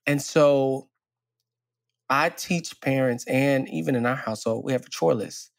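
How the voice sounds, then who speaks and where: A man's voice: medium pitch, unhurried, creaky, no echo, studio quality. A man co-hosting a podcast, speaking emphatically in a preachy way and often checking in with "right?". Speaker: podcast co-host. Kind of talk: casual chat.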